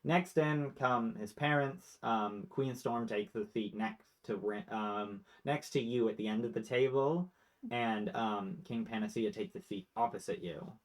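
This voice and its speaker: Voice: medium pitch, measured pace, low-quality recording. Casual tabletop game master. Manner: casual narration with many fillers.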